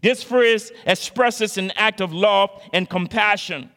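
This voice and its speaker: A man's voice: high voice, slow pace, bright, forceful tone, in a large hall. A man preaching a sermon with earnest exhortation, repeating key phrases for emphasis.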